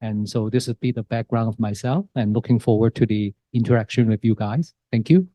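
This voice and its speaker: A geography lecturer, a man, introduces himself in an easygoing, conversational manner. His voice is mellow and mid-pitched, recorded dry and close. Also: brisk, no echo. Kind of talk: panel self-introduction.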